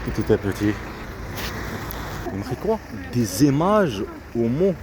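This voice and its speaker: A very animated man with a medium-pitched voice takes it slowly as he rambles spontaneously, repeating himself in scattered fragments. He's outdoors near a road full of vehicles, on a noisy street recording thick with traffic.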